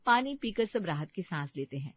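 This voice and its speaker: A woman narrating a family story in a calm, even voice, in a dull, dry recording. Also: fairly low pitch, fairly quick, husky, no echo.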